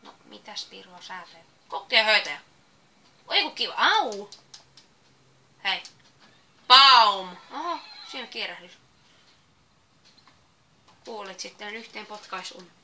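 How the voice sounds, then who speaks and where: A woman doing let's-play game commentary, excitable, shouting commands and exclamations at the game. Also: mid-range voice, pauses often. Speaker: gameplay commentator.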